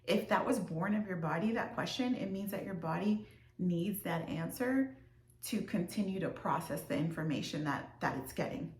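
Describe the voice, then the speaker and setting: A woman's voice: fairly low pitch, lively intonation, normal speed, a little mellow, echoey room. A young adult woman teacher talking casually to kids, chatty and loose, with fillers and restarts. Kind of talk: casual classroom talk to kids on video.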